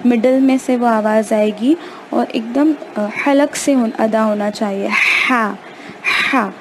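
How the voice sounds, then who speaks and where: A woman's voice: on the high side, darkish tone, slight background noise, rough recording. Woman teacher, patient. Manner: slow, measured recitation; patient, step-by-step explanation with repetitions. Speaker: Arabic pronunciation teacher. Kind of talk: recited prayer and slow letter drill; explanatory lesson.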